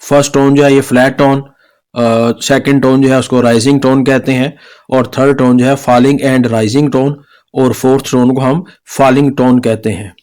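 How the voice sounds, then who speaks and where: A man's voice: medium pitch, steady tone, normal speed, a little mellow. A man, patiently explaining a language lesson step by step over slides. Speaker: language teacher. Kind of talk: slide-based video lesson.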